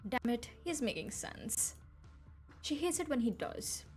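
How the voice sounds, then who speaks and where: A woman's voice: a little high, sing-song, measured pace, a little mellow, soft background music. A woman streamer reading a story game aloud and commenting between lines, casual and joking, swearing freely. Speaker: VTuber streamer.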